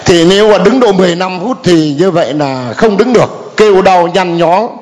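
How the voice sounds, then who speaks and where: An older man telling a halting, hesitant personal testimony to a priest at a church gathering. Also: high voice, lively intonation, crowd noise. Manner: hesitant, halting with many fillers. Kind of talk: spoken testimony. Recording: long hall reverb.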